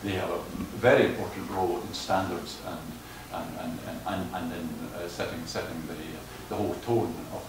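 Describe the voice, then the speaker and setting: Low-voiced man lecturing in a hall. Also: steady tone, normal speed, hardly any pauses. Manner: hesitant, repeats words often. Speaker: lecturer on footpath management. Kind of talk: lecture with audience questions. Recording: echoey hall, distant mic, noise.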